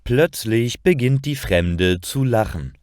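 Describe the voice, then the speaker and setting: A man reading stories aloud for language learners in a slow, clear, expressive way. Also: medium pitch, no room sound, clean studio sound. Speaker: narrator.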